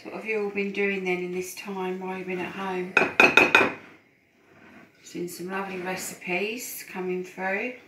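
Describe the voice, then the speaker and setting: A woman's voice: mid-range voice, flat delivery, unhurried, long pauses, recorded from a distance, heavy background noise. A middle-aged woman giving a casual, encouraging cooking demonstration in her home kitchen while she mixes batter. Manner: chatty, encouraging, talks while whisking. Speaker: support worker cooking host. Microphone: phone camera at a distance. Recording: echoey kitchen, voice from off-mic. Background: clinking bowls and utensils.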